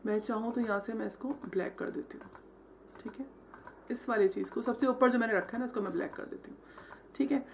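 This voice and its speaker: Woman teaching a design class at her computer, kinda high voice, keeps saying theek hai, some faint typing behind. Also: brisk, a little mellow, slight background noise. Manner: step-by-step, frequent "theek hai" check-ins; mixes English terms into Hindi. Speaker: design tutor. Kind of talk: screen-recorded software tutorial.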